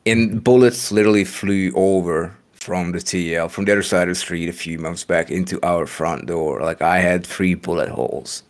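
A man with a very low voice chats casually on a podcast, thinking out loud in a frank, unguarded way. He swears offhandedly and sounds like a young adult. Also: fairly even intonation, moderate pace, hardly any pauses. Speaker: guest co-host.

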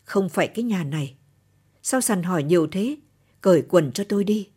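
A woman narrator voicing a harsh, sick old highland man in a story reading. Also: expressive, moderate pace, dark tone, breathy edge. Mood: demanding.

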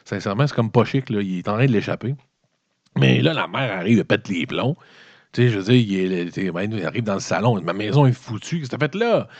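A man's voice: fairly low pitch, brisk, dry recording. A man with a Québécois accent, recapping a movie in a rambling, swearing, comedic way. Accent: Québécois French. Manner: swearing, animated, colloquial storytelling. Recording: dull, lo-fi dry recording.

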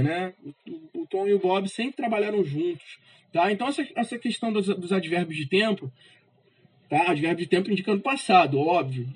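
Husky teacher, "tá?" after each point. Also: male voice, high-pitched, low-quality recording. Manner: casual, repeats "tá?" as a check after nearly every phrase; spells out letters and exaggerates syllable stress on English example words. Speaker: English teacher. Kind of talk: recorded grammar lesson.

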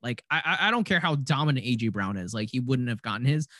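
A young man in casual sports chat, animated and ranty, swearing freely as he gets fired up. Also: mid-range voice, fast, no room sound, clean studio sound. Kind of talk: casual fantasy football chat.

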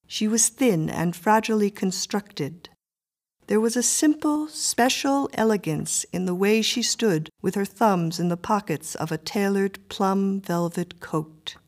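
A woman reading a story aloud in a measured, even way. Her voice sits in a middle pitch, and she keeps a steady storytelling manner throughout. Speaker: narrator. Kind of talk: scripted story narration.

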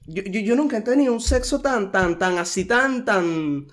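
A man's voice: sits high, lively intonation, normal speed, fairly bright tone. Venezuelan man, stammering casual talk. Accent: Venezuelan Spanish. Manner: stammering, repeats words. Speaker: podcast co-host. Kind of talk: casual chat.

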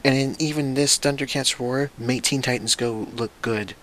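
A man rants through a cartoon review, exasperated and full of profanity, now and then mocking imagined viewers in put-on voices. His voice is bright and forceful, at a middling pitch. A faint hiss sits under the recording. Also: steady tone, moderate pace, rough recording. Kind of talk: ranting review monologue.

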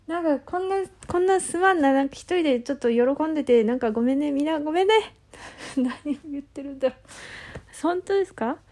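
A young woman with a high voice hosts a casual solo audio talk, reading out a listener letter at a fast clip. Excitable and flustered, she keeps apologizing and laughs at herself, and her speech is blunt and boyish.

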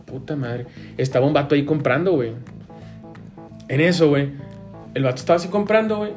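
A man's voice: fairly high pitch, animated, a little fast, darkish tone, faint music behind. A young man from Monterrey with a northern Mexican accent, telling a profane, slangy anecdote on a casual podcast. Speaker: podcast co-host. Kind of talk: casual storytelling chat.

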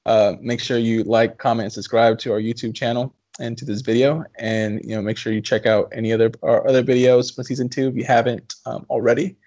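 Man, podcast host, casual banter, middle pitch, dry close recording. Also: a little fast, hardly any pauses, no echo. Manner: relaxed, wraps up the show.

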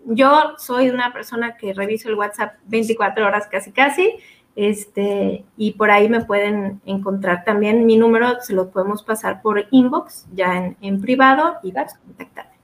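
A woman's voice: mid-range voice, moderate pace. A woman with a Mexican Spanish accent, a psychologist guest recounting a case in casual interview chat, with many fillers.

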